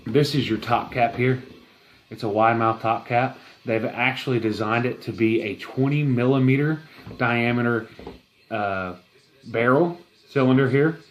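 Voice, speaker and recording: A man giving a casual, rambling product review, enthusiastic but halting and full of fillers. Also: mid-range voice.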